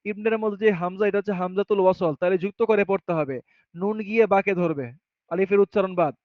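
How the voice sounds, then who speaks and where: In a classroom grammar lesson, a man with a fairly high voice patiently teaches Arabic grammar step by step, reading example sentences slowly and answering his own questions. The recording is dry and close, with a dull, slightly muffled tone and no room sound.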